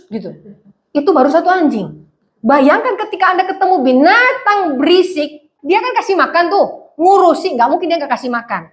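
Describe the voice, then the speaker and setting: A middle-aged woman pastor, preaching a lively conversational sermon and acting out voices. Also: high voice. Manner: animated, acts out voices, laughs often.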